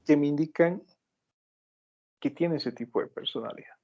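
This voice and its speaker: A man's voice: fairly high pitch, moderate pace, dull audio. A middle-aged man teaching a medical class online, probing his students with repeated questions and telling everyday anecdotes. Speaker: medical lecturer.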